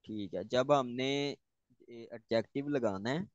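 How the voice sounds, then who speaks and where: A man's voice: medium pitch, slow, no echo. Man, student, hesitant, thinks aloud, dry lo-fi sound. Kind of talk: asking questions in a lesson.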